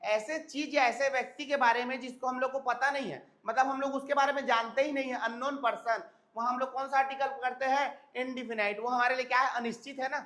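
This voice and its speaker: Man, hoarse, teacher, classroom grammar lecture, repeated check-in questions. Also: very high voice, fairly bright tone. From India.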